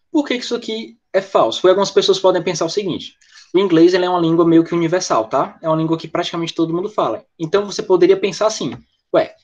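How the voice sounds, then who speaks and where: A man with a Brazilian Portuguese accent teaching English in an online class, explaining points and answering students from the chat. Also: a little high. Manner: explanatory, talks with students by name and reads the chat. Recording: lo-fi dull audio.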